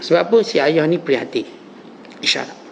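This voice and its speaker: Malaysian ustaz man preaching at dawn, kinda high voice, punches up the big lines, dull muffled recording w faint hiss. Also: a little fast, vocal fry. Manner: animated preaching, rising emphatic pitch on key phrases. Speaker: religious teacher. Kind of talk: dawn mosque lecture. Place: mosque lecture hall.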